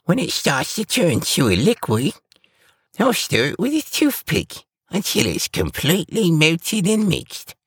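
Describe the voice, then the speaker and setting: A man's voice: fairly high pitch, wildly swooping pitch, a little slow, breathy edge, dry recording, pitched above the performer's own voice, exaggerated voice. A man voicing a jolly, helpful village baker who laughs while he explains things, in a dry close recording. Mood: cheerful.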